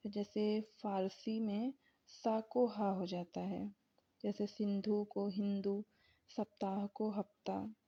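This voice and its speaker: A woman's voice: mid-range voice, mellow, slightly rough. A woman teacher giving an exam revision lecture, reading out terms and examples one by one. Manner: slow, deliberate, reading out lists of examples. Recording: dull lo-fi recording.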